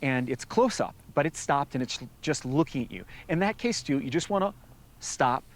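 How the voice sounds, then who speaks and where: A man's voice: mid-range voice, normal speed. A man with a mid-range voice explains outdoor safety in an easygoing, explanatory tone. He drops in little acted-out lines to make his points. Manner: relaxed, explanatory, acts out little quoted lines. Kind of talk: informative explanation.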